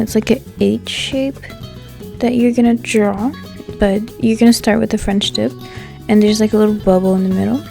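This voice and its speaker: A young woman talks through a casual tutorial with a soft, mellow tone and a touch of gravel. Her mouth sounds swollen, so words come out a little impeded, and she is chatty and informal. Music plays behind her voice. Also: mid-range voice. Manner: informal, chatty, filler-heavy with "like". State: swollen mouth after tooth surgery, speech slightly impeded. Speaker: nail technician giving a tutorial. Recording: voice-over with music bed. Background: background music.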